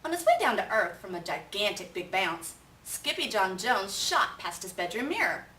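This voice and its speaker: A woman reads a picture book aloud with lively, varied intonation, putting questions to children as she goes. She is recorded at some distance in a roomy space, with faint noise. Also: mid-range voice, moderate pace. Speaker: storybook reader. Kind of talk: animated children's read-aloud with questions to listeners.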